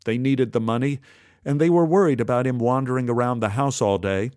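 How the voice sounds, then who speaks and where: A man playing a stern middle-aged uncle who is also his boss, firm and measured. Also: mid-range voice, a little mellow, dry recording, clean studio sound, close to an everyday voice.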